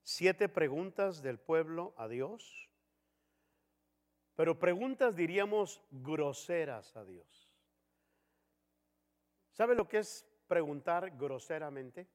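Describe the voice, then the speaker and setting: A man preaching a sermon as pastor in a church, animated, acting out the voices of people in his examples. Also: fairly high pitch, slow, pauses often, long reverb tail. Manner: animated, acts out dialogue voices.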